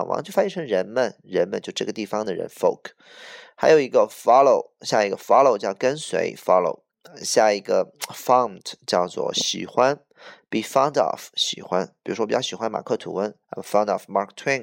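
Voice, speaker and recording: Low, gravelly man teaching vocabulary. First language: Chinese. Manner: patient, explains each word in Chinese with examples. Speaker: English teacher. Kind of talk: vocabulary lesson.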